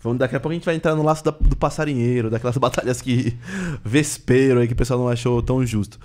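Fast-talking Brazilian podcast host, a man. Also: medium pitch. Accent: Brazilian Portuguese. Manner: fast, animated slang-filled talk. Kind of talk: casual chat about rap battles.

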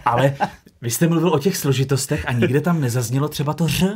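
A man's voice: medium pitch, heavy background noise. A man hosting a casual radio interview, asking curious, playful questions. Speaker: radio host.

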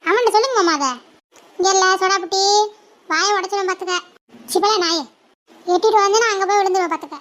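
Woman voicing a feisty squabbling young girl, very high and shrill, family web drama. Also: fast talker, pauses often, a bit bright. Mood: teasing. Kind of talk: family web series acting.

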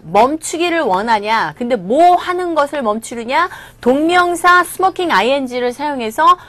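Lively woman teaching English phrases. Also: high-pitched. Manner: lively, drills phrases with playful emphasis. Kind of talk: spoken English lesson.

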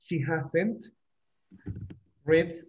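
A man's voice: a little high, extremely slow, darkish tone, breathy edge, lo-fi sound. A man teaching an online English class in Spanish. He is patient, repeats each phrase and keeps checking with the students.

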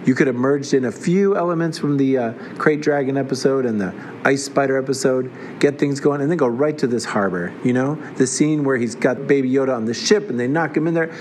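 A man's voice: medium pitch, a little fast, few pauses, darkish tone, slight background noise. A man hosting a comedic TV review, talking in a wry way with sarcastic asides. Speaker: host reviewing a TV series.

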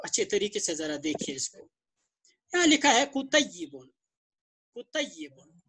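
A man's voice: high voice, fairly bright tone. A man teaching an Arabic lesson, who repeats each term several times, glosses it in English and leans hard on key words. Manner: repeats and drills terms, glosses them in English. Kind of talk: classroom-style lesson explanation.

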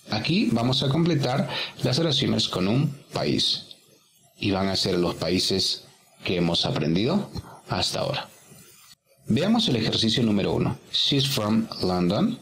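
A man's voice: lowish voice, a bit bright, slight background noise. A man teaching English, working through a workbook exercise step by step and patiently repeating each answer.

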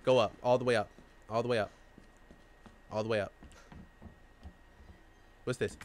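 A young man giving profane, excitable let's-play commentary while talking back to the game's characters. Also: mid-range voice, moderate pace. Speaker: gamer playing a horror game.

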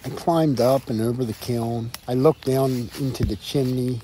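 A man's voice: mid-range voice, steady tone, normal speed, mellow, slight background noise. A man, narrating his exploration of old ruins in an earnest, reflective way. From northern Delaware. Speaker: restoration vlogger. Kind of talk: documentary narration.

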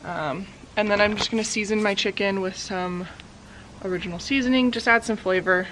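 Fairly quick and mid-range, this young adult woman's voice narrates a casual cooking vlog set in her home kitchen and by the backyard grill. She chats in a self-deprecating way with plenty of ums and likes, over background music and a noisy background.

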